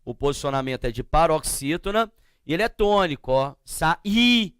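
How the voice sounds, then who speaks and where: A man teaching a grammar lesson, explaining slowly and often asking the class to check they follow. He speaks with a Brazilian Portuguese accent. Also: on the high side, animated, a bit bright, clean tone, no echo, clean studio sound. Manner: slow, drawn-out explanations with frequent checking questions.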